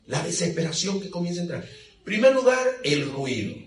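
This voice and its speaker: A man's voice: high-pitched, very animated, brisk, recorded from a distance. A man preaching a sermon, telling the story in a vivid, dramatic way with humor, recorded from afar in an echoey church hall.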